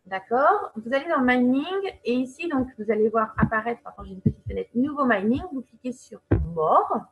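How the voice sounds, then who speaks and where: Husky woman walking through a website. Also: a little high, a little fast, narrow, tinny audio. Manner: chatty, explains step by step with many fillers and check-ins. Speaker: webinar presenter. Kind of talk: screen-share software walkthrough.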